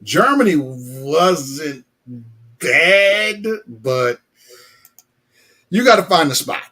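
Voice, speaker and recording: A man's voice: a little high, expressive, very slow, sharp tone. A man hosting a casual live smoking session, talking in slang, rambling and often repeating himself. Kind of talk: casual livestream chat.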